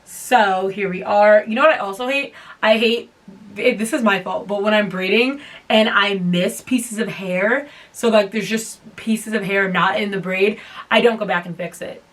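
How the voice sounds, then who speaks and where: A woman's voice: mid-range voice, moderate pace. A young woman chatting casually to camera at home while braiding her hair, exasperated and self-mocking. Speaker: hair vlogger. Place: at home, indoors.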